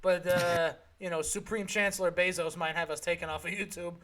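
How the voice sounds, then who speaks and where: High-voiced man co-hosting a podcast. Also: level tone, fairly quick, crowd noise. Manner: joking, rambling, self-correcting. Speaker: podcast co-host. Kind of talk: casual chat.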